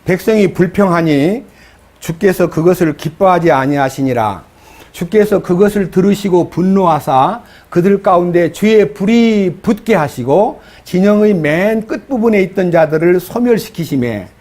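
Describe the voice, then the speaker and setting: A man's voice: high-pitched, darkish tone. A man preaching a sermon, reading scripture passages aloud and explaining them with rising, pleading emphasis.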